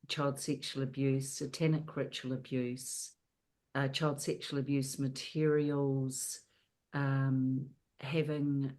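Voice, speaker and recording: New woman, very deep voice, flat and slow, mellow tone, video call. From New Zealand. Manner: measured, pausing often. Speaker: panel guest.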